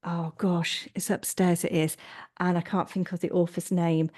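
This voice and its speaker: A woman's voice: lowish voice, little pitch movement, normal speed, darkish tone. A middle-aged woman from England hosting a chat, enthusiastic and rambling. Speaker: host. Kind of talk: casual chat.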